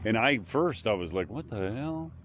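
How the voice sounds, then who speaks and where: Relaxed older man vlogging outdoors. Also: lowish voice, normal speed, background noise. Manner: relaxed, enthusiastic, rambling. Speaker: travel vlogger. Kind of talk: casual travel vlog narration. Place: outdoors by a glacier lagoon and roadside.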